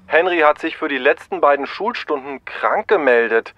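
A man's voice: fairly high pitch, animated, moderate pace, no room sound, pitched above the performer's own voice. A man voicing a worried father calling about his missing son, anxious and polite, heard over a muffled phone line.

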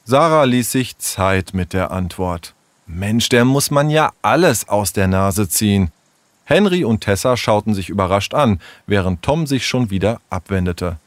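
A man narrating a scripted children's story, expressive and animated. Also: measured pace, no echo. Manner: expressive, voices the children with raised pitch.

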